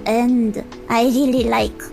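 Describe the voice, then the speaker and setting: High creaky-voiced woman with a Russian-sounding accent. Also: flat delivery, takes it slowly, dark tone, faint music behind. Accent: mixed, Russian-sounding. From Japan, spent childhood in Osaka. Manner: playful, self-mocking. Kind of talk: casual chat, sweary.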